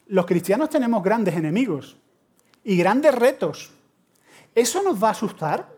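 A middle-aged man with a Spanish accent from Spain, preaching a sermon in an animated, humorous storytelling way. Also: high voice.

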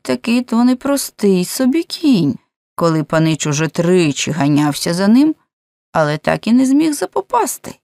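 A woman's voice: lowish voice, creaky, darkish tone, no echo, studio quality, full character voice. A woman voicing a chatty, grumbling male servant who mutters to himself and his dog in an audiobook.

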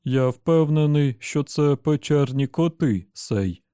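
A self-satisfied robot servant with a prissy, sanctimonious manner speaks slowly, as a man puts him on. The voice is dark and mellow, recorded close and dry like a storybook audiobook. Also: medium pitch, no echo, natural voice. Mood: smug. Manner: self-satisfied, prim, falsely caring. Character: smug pious male robot servant.

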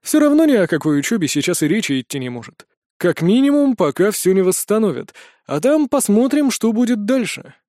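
A practical male academy official explains the plan in an even, reassuring tone, as a man reads him aloud. The voice sits fairly high and sounds close and dry. It is a storybook audiobook reading. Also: brisk, no room sound. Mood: calm, practical.

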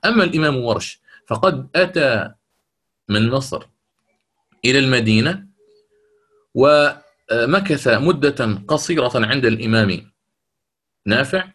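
A man's voice: mid-range voice, expressive, a little slow, long pauses, a bit bright. A man teaching a lecture on Quran recitation, explaining step by step and often checking with his students. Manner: stretches words when demonstrating recitation. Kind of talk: classroom lecture.

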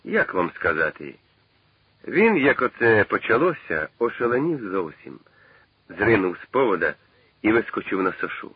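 A man's voice: on the low side, big pitch swings, moderate pace, husky, dry recording. A man reading the part of a loyal soldier driver who talks in an earnest, reassuring way. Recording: tinny old radio broadcast.

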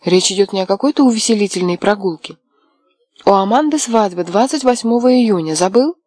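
A woman voicing a headstrong, quick-tempered young wife in an audiobook, sharp and mocking. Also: mid-range voice, lively intonation, no echo, clean studio sound, natural voice. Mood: indignant. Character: fiery defiant young wife, headstrong and scheming. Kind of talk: audiobook character voice.

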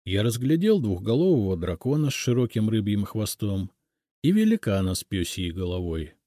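A man reading a story aloud in a calm, even storytelling manner. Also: fairly low pitch, moderate pace, dry recording, studio quality. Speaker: audiobook narrator. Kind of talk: scripted narration.

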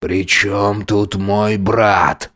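A man voicing a domineering older father in an audiobook, slow, cold and contemptuous. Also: fairly low pitch, little pitch movement, fairly bright tone, heavily acted. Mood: scornful. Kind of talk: audiobook character voice.

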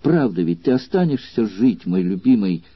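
A man's voice: fairly low pitch, sing-song, moderate pace, husky, no room sound, dull audio. A man voicing a passionate, desperate young woman lover in an audiobook, speaking in a raised, urgent, pleading voice.

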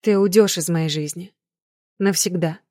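A woman voicing a hurt young woman who speaks coldly and flatly to her lover in an audiobook. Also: fairly low pitch, a little slow, no echo, clean studio sound, natural voice. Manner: cold, flat.

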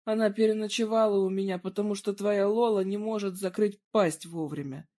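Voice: medium pitch, fairly even intonation, a little fast, warm tone, lightly acted. A reader voicing a bruised young man who answers with wry, easygoing humour in a story reading. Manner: wry, laid-back.

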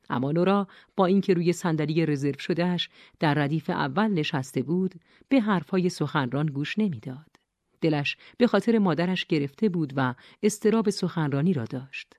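A woman narrating an audiobook in an even, measured reading. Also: deep voice, dry recording, clean studio sound.

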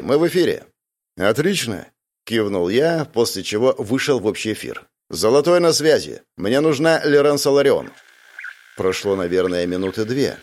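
A man's voice: on the low side, darkish tone. A man reading an audiobook aloud as a first-person narrator. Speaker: audiobook reader.

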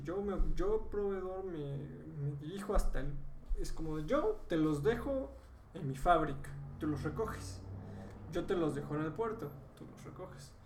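Mexican male podcast co-host, chatty and explanatory, animated pitch jumps, echoey room. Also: far from the mic. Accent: Mexican Spanish. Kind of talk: casual chat. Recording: echoey room, faint ambient noise.

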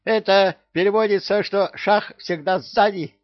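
A man voicing a loud, hysterical male parrot who squawks, gossips and brandishes threats. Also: high-pitched, steady tone, measured pace, no echo, highs cut off, voice pushed up. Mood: furious.

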